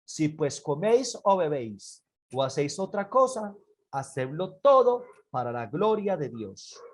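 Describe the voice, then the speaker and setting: Brief: earnest church teacher giving a parenting lesson, pleading tone, repeats points, slows to stress words. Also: mid-range voice, very animated.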